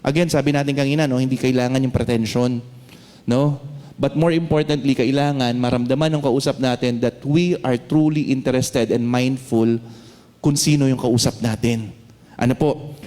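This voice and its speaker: Filipino pastor preaching in a reverberant hall. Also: male voice, medium pitch, fairly even intonation, warm tone. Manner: mixes English and Tagalog, reads Bible verses slowly, frequent "no?" tags. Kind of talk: sermon. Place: church hall.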